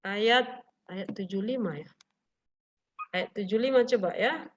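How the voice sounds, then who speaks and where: Woman, teacher, lively explaining, dull online-call sound. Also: mid-range voice, measured pace, a little hiss or hum. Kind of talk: online class lesson.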